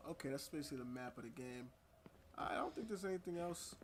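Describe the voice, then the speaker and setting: A man's voice: fairly high pitch, lively intonation, fast talker. A man giving casual, slangy let's play commentary as he plays a video game. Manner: laid-back, slangy. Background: game music.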